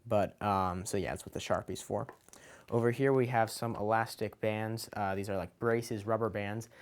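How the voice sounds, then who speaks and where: A man talking casually as a children's magician, explaining his kit item by item in an informal, loosely improvised, hesitant way. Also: on the low side. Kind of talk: casual show-and-tell explanation.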